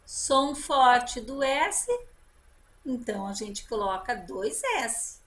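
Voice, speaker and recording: A woman teacher giving a children's phonics lesson, drawing out example words slowly and praising her pupils. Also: medium pitch, fairly bright tone, a little hiss or hum. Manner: slow drawn-out model words, encouraging teacher talk.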